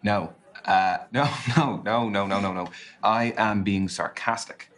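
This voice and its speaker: Awkward Irish speed dater. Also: male voice, on the low side, fairly even intonation, measured pace, fairly bright tone. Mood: awkward, joking. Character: awkward, sarcastic young man on a speed date. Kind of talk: live-action game acting.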